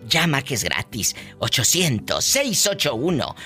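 Flamboyant radio host, lively pitch. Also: male voice, unhurried, over music. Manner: flamboyant, gossipy, teasing, scolding. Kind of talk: live radio call-in show.

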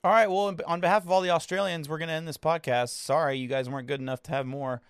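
Gravelly, laid-back male co-host. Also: on the high side, fairly even intonation, fast talker. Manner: laid-back, slangy, trails off quietly. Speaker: podcast co-host. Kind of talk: casual sports chat.

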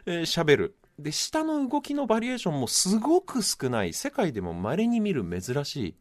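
A man's voice: on the high side, huge pitch swings, moderate pace. A man giving a chatty, explanatory music segment on the radio, with frequent asides. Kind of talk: casual radio talk.

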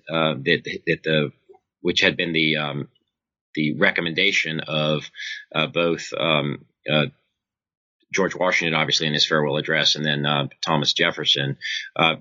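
Deep, sharp-voiced man explaining haltingly. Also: no echo, highs cut off. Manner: halting, scholarly, measured. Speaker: interviewed author and foreign policy scholar. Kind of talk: interview answer, explanatory.

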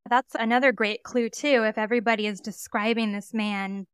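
Female podcast co-host, smooth resonant voice, lively casual narration, very dry sound. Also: on the high side, normal speed, no room sound. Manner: animated retelling, acts out quoted witnesses. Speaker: true crime podcast co-host. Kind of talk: casual storytelling.

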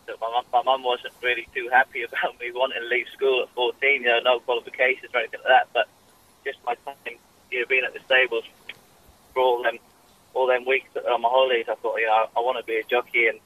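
A man's voice: medium pitch, level tone, quick pace, bright, forceful tone, slight background noise, rough recording. A young Welsh man chatting casually in a radio interview, full of fillers and restarts. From Wales. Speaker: jockey guest.

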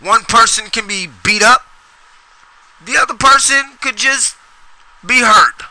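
A man's voice: extremely high pitch, slow, bright, forceful tone, no echo, poor audio. A middle-aged man from Sacramento hosting a solo podcast, ranting in a profane, rambling, emphatic way with lots of repetition. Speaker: podcast host.

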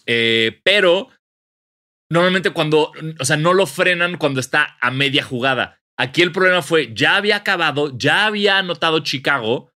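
A man's voice: fairly high pitch, normal speed. A young man with a Mexican accent, co-hosting a podcast and telling stories in casual, slangy chat. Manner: slangy, animated storytelling. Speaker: podcast co-host.

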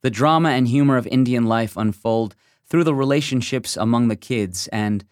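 Dry, measured male essay narrator. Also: mid-range voice, darkish tone, clear, resonant tone, no room sound. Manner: measured, reflective first-person reading. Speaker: essay reader. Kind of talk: scripted narration of a magazine essay.

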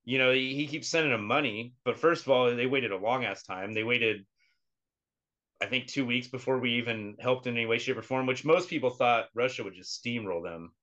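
A man's voice: medium pitch, fairly quick, a bit bright, highs cut off. A man co-hosting a podcast in casual chat, blunt and profane, laughing often. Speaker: podcast co-host.

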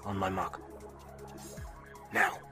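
A man's voice: deep voice, little pitch movement. A man reading as a terse squad leader. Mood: hushed. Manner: clipped, quick tactical commands. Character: terse male squad leader under fire. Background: music.

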